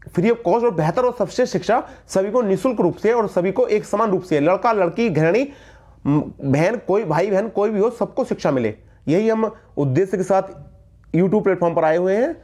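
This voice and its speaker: Male Hindi-accented tutor, high pitch, emphatic and repetitive, talks straight to students. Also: darkish tone. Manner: emphatic, repeats key words, addresses viewers as friends. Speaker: teacher. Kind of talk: Hindi grammar lesson for exam prep.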